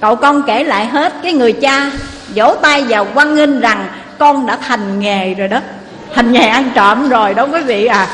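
A woman preacher telling a moral story in a lively way, often addressing her listeners directly. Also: a little high, moderate pace. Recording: echoey hall, faint noise.

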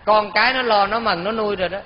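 A man's voice: sits high, fast talker. A man with a Southern Vietnamese accent, a Buddhist teacher telling a parable in a sermon and keeping the audience involved with questions. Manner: lively, keeps quizzing the audience. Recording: dull sound in a reverberant hall.

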